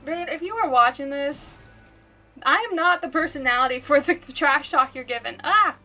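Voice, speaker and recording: A woman's voice: high-pitched, moderate pace, bright, forceful tone, faint music behind. A woman livestreamer giving chatty, giggly gaming commentary, laughing often.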